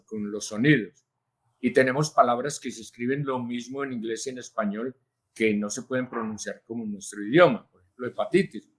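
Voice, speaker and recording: A man, a linguist answering interview questions in a measured, teacherly way, with frequent hesitations. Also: medium pitch. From Colombia. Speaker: linguist and journalist, interview guest.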